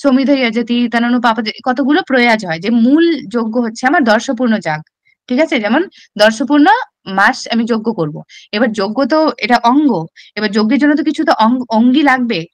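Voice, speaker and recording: A woman's voice: on the high side, quick pace, dry recording. A woman teacher with a Bengali accent explains a classical text step by step in an online exam-prep class, often asking rhetorical questions.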